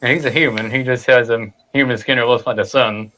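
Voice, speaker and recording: A man's voice: mid-range voice, steady tone, fairly quick, pushed and bright. A man narrating as game master of a tabletop game, often restarting his phrases. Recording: dull lo-fi sound with faint noise.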